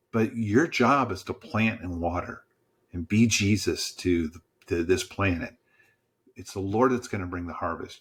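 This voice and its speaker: A man, a church small-group pastor, telling stories as a podcast guest in a lively, encouraging preacher's manner and acting out the dialogue. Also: slightly rough. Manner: lively storyteller who acts out dialogue with sudden pitch jumps. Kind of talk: storytelling in a podcast conversation.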